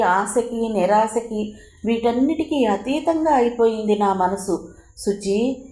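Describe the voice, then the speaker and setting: A woman narrating a novel as a first-person letter, in a measured and emotive reading style. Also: a little high, dark tone, roomy sound. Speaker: audiobook narrator.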